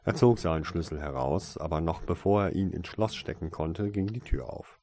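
A man calmly reading a story aloud as an audiobook narrator, in steady storytelling narration. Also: sits low, moderate pace, slight background noise. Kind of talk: scripted narration.

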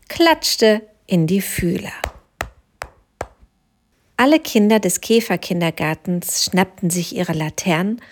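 A woman narrating a children's story in a gentle, expressive way. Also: medium pitch.

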